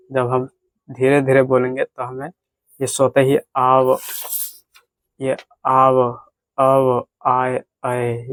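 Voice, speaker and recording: A man gives a grammar lesson, breaking each point down slowly and going back over it again and again. His voice stays level, with little rise or fall. The sound is close and dry. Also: medium pitch, dry recording. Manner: repetitive, slow step-by-step explaining. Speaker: Hindi grammar teacher. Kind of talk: explanatory lesson at a whiteboard.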